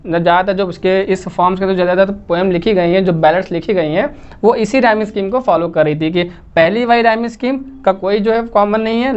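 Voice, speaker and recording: A woman's voice: mid-range voice, a little mellow. A woman lecturing as an English literature teacher, who asks her listeners questions, repeats the key terms and keeps checking in with them. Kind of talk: classroom-style lecture. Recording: slightly muffled recording.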